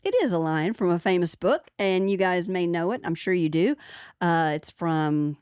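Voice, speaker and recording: A woman's voice: fairly low pitch, normal speed, darkish tone, smooth, dry recording, clean studio sound. A woman co-hosting a podcast in casual chat, playful and rambling, easily amused. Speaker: podcast co-host.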